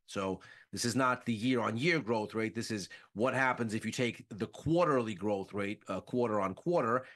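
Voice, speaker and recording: Male analyst, unhurried and methodical, explains market expectations step by step. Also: mid-range voice, fairly bright tone. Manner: measured, methodical, rhetorical questions.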